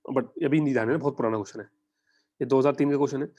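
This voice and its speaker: A young Indian man giving a conversational exam-prep lecture, often putting quick questions to his students. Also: mid-range voice, mellow, highs cut off. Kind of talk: online lecture in mixed Hindi and English.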